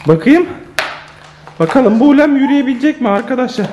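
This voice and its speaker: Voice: high-pitched, animated, fairly quick, dark tone, muffled recording, slight background noise. A woman chatting playfully to viewers and children in a casual family vlog, recorded inside a home. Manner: playful, teasing, talks to viewers and kids. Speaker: family vlogger.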